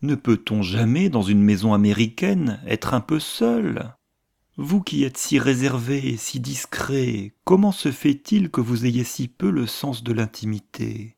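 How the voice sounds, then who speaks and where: A man's voice: on the low side, measured pace, a little mellow. A man reading as a restless young countess. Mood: plaintive. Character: troubled young woman countess, restless, quick-tongued.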